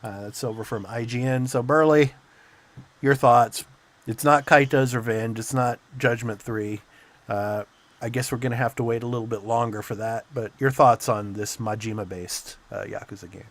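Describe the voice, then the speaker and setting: A man's voice: medium pitch, fairly even intonation, normal speed. A man hosting a casual gaming podcast, easygoing, laughing often and passing the mic to co-hosts. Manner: easygoing, laughs often, short agreeing replies. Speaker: podcast host.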